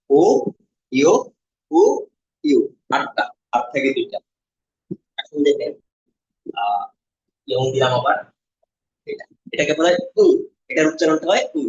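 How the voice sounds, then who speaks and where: A male language teacher leading a class, explaining vowel shapes step by step, repeating each sound and quizzing his students. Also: fairly high pitch. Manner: asks students questions, repeats sounds slowly. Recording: dull lo-fi classroom recording.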